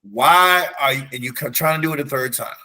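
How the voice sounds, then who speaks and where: Man, sports podcast co-host, bright and fairly high voice, animated, slangy, stat-heavy banter. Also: a little fast. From United States. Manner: animated, slangy, rattles off stats. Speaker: teacher. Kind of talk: casual sports chat.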